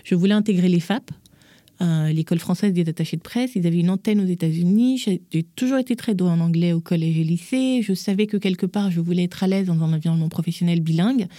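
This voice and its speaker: A woman in her thirties, an interview guest, tells her life story in a lively way and acts out what others said. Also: lowish voice, fast talker, no echo, clean studio sound. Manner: lively, acts out quotes in changed voices. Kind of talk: personal storytelling in conversation.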